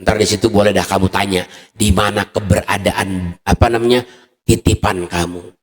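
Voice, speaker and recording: A preacher voicing a wise old male sheikh who gives calm, step-by-step instructions, in an echoey mosque hall. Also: low-pitched, moderate pace, close to an everyday voice. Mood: instructing.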